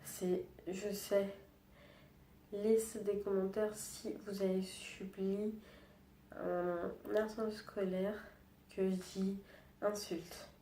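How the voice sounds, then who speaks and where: Young woman, quiet hesitant vlog talk, subdued, flat pitch, distant from the mic in a roomy echo. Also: a little hiss or hum. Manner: quiet, hesitant, halting speech. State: subdued and sad. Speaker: vlogger. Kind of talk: personal testimony vlog.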